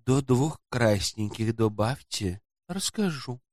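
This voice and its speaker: A man voicing a sly, greedy hotel porter who talks in a folksy, servile, hushed way in an audiobook. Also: medium pitch, expressive, slow pace, no room sound, studio quality. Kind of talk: audiobook character voice.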